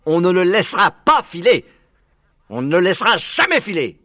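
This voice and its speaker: A man voicing a short, pot-bellied male farmer who blusters loudly. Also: on the high side, lively intonation, fast talker, slightly rough, no room sound, clean studio sound, voice pushed up. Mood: vowing. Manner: loud, blustering.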